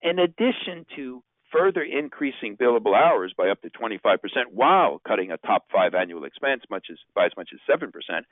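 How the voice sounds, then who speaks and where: A man's voice: on the low side, no room sound, phone-quality sound. A man voicing a polite, confident salesman leaving a scripted voicemail message.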